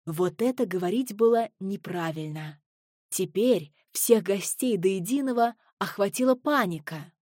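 A woman narrating a storybook in a calm, unhurried voice. She reads slowly and evenly. The recording is dry and close. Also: mid-range voice, dry recording. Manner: calm, slow, even reading. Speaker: audiobook narrator.

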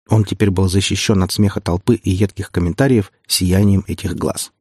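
A man narrating an audiobook in a steady storytelling manner. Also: fairly low pitch, breathy edge, no echo, studio quality. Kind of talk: scripted narration.

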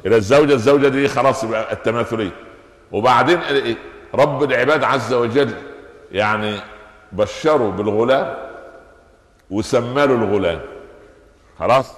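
A man preaching a Friday sermon in an Egyptian accent. He asks rhetorical questions and answers them himself, rising to loud peaks and dropping to soft asides. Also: medium pitch, a little fast, long pauses. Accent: Egyptian Arabic. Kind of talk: Friday sermon, Quran commentary. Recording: echoey hall with long reverb.

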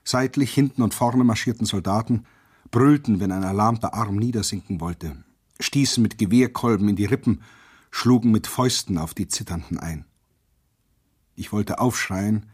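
A man reading a first-person literary account aloud, grave and intense, rising sharply at the quoted shouts. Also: on the low side, normal speed, slightly rough. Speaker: narrator.

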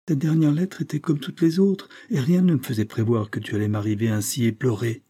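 A man doing a grave, gentle old grandfather. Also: mid-range voice, steady tone, a little fast, husky, natural voice. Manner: grave, tender.

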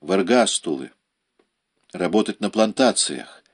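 A man reading a historical novel aloud as an audiobook narrator, measured and dramatic. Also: deep voice, animated, slightly rough. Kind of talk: scripted narration.

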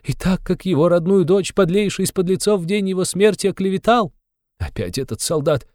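A man reading an audiobook, voicing a frantic widowed mother who wails in shrill cries. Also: animated, fairly quick, a little mellow, no room sound, studio quality.

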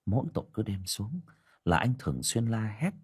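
Man, audiobook narrator, husky, lively pitch. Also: normal speed. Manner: storytelling with lively emphasis, colloquial.

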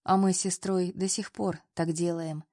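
A woman's voice: on the low side, flat delivery, normal speed, no echo, clean studio sound, lightly acted. A woman voicing a teasing young boss. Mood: mild. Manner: teasing, then gently apologetic.

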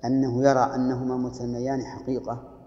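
A man's voice: mid-range voice, completely flat delivery, fairly quick, dark tone. An older man teaching a grammar lesson, reciting lines of verse and putting questions to his students before he answers them. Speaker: scholar teaching Arabic grammar. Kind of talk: classroom lesson explaining verse. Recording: echoey hall, dull lo-fi archive tape.

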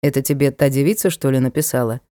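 A woman voicing a sulky, sarcastic young male dark lord in an audiobook, scornful and prone to yelling. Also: rumbling low, steady tone, quick pace, no echo, studio quality, pitched below the performer's own voice. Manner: petulant, scornful, bursts into shouting. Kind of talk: audiobook character voice.

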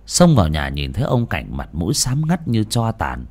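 Male storyteller, lowish voice, dramatic swings, ghost tale reading. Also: wildly swooping pitch, normal speed, darkish tone. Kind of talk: scripted ghost story narration.

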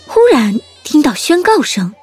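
A woman storyteller narrating a scripted children's story in an expressive way. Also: high-pitched, measured pace, no echo, faint music behind.

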